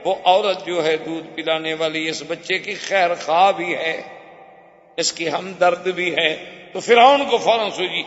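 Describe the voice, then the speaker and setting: This is a storytelling sermon from a male religious preacher who speaks animatedly, with a moving pitch and heavy stress on his words. The hall echoes, and the recording sounds flat and lo-fi.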